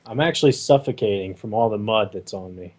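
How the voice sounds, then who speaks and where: Mellow-voiced, wry male tabletop player. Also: on the low side, brisk, a little hiss or hum. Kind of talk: casual tabletop game banter.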